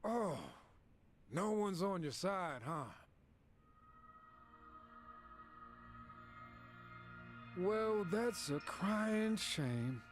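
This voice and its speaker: A man's voice: high voice, expressive, very slow, heavily acted. An actor playing a corrupt, sneering police officer in a video game cutscene, mocking and gloating as he frames a suspect, with game music behind. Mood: taunting. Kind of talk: game dialogue acting. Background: game music score.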